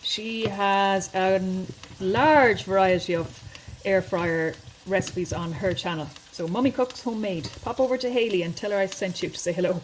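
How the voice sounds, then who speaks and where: A woman's voice: mid-range voice, moderate pace, few pauses, a little hiss or hum, rough recording. A woman hosting a home cooking video, chatting casually and thinking aloud as she cooks in her kitchen. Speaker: home cooking channel host.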